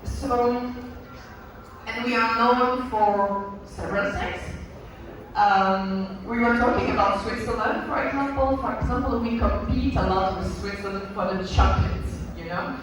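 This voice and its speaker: Belgian French man, high voice, halting conference lecture, distant mic in a noisy echoing hall. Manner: hesitant, many fillers and restarts. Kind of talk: conference talk. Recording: echoey hall from far off, noisy.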